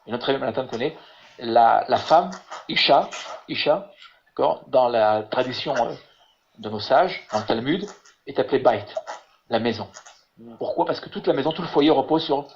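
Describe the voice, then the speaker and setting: A man teaching Hebrew in an online lesson over a video call. He talks haltingly, repeating words and filling with "voilà". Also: mid-range voice. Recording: muffled lo-fi web call audio.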